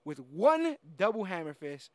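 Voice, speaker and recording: A man's voice: sits high, sing-song, a little slow, no room sound. A man hosting a casual chat, summarizing a film plot in a loose, chatty way with many fillers. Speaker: podcast host recapping a film.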